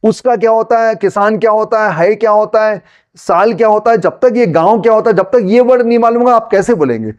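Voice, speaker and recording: A man from Gujarat with a Gujarati accent, a native Gujarati speaker, teaching spoken English in a relaxed conversational way and slowly repeating example sentences. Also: high-pitched, highs cut off. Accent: Gujarati-accented Hindi. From Gujarat, India.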